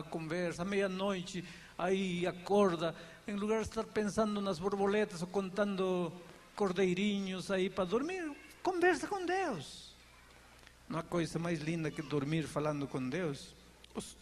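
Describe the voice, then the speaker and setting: A male pastor preaching a sermon, acting out everyday conversations with lively shifts in voice and pace. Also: high-pitched. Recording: reverberant hall with faint background noise.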